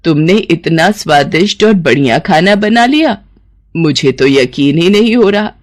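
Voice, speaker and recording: A woman voicing a stern middle-aged mother-in-law in a cartoon story, speaking in a lowered, scolding voice. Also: animated, unhurried. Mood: teasing.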